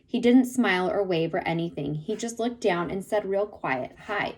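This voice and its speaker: A woman reading a novel chapter aloud in steady storytelling narration. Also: medium pitch, moderate pace, low-quality recording. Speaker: reader.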